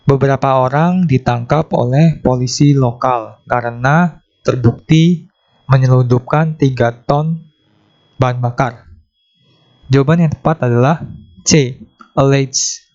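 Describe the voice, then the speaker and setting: A man's voice: mid-range voice, a little mellow. Man explaining grammar, lo-fi sound. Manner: explains step by step, slows down to read English options. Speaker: English teacher. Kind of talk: exam-prep lesson explanation.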